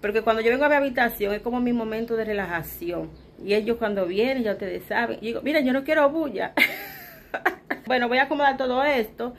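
A woman's voice: fairly high pitch, fast, slight background noise. A woman with a Dominican accent chatting to her viewers from her bedroom, acting out what others told her and calling her audience "chicas". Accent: Dominican Spanish. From Dominican Republic. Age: adult with children. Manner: chatty, talks straight to her viewers as "chicas" and acts out quoted remarks. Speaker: vlogger. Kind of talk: casual chat to viewers.

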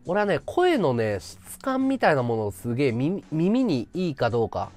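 A man's voice: fairly high pitch, huge pitch swings, moderate pace, a little mellow, faint music behind. A man from Chiba chatting casually with his live-stream viewers, rambling and laughing at his own stories. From Chiba, Japan.

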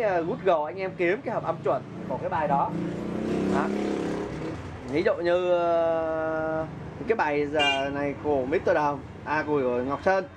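A music teacher with a slightly high voice gives a chatty, casual keyboard lesson, counting beats aloud and humming melodies as he plays. Keyboard playing runs in the background, and the sound is lo-fi with a noisy backdrop.

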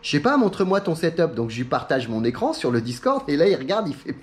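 Animated, high-pitched chatty man. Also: fast talker. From France. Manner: chatty, animated storytelling, acts out quotes, laughs often. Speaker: sim racing YouTuber. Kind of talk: casual talking-head chat.

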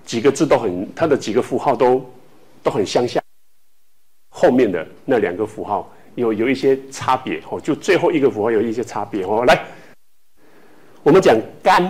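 A man from Taiwan teaching a language class, speaking slowly with many filler tags and repeating words for students to echo. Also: mid-range voice, lively intonation, a little mellow, husky. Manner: filler-heavy speech with frequent "hou" tags.

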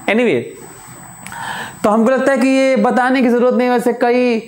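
A man teaching a physics lecture, explaining by repeating examples aloud with long pauses and slowly dictating notes. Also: very high voice, steady tone, reverberant. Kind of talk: classroom lecture.

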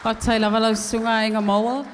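A woman in her thirties from American Samoa, co-hosting a formal event as master of ceremonies in a measured, ceremonial way. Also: on the high side, little pitch movement, some chatter behind, slight background noise. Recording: long hall reverb.

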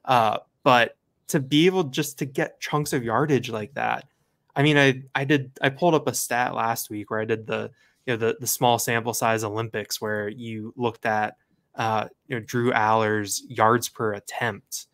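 A man's voice: medium pitch, steady tone, normal speed, a bit bright. A man co-hosting a sports podcast, casually breaking down the game and rattling off stats with plenty of fillers. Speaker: podcast co-host.

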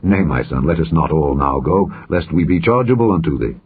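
A man reading a grave old king, deep and husky. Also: lively intonation, a little fast, full character voice. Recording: dull lo-fi audio recording.

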